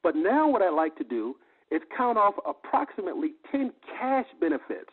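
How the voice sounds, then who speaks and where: On a muffled, lo-fi phone conference line, a sales presenter pitches an evening business opportunity in a high male voice with a raspy edge. He swings widely in pitch at a moderate pace, hammering each benefit emphatically with repetition and rhetorical questions.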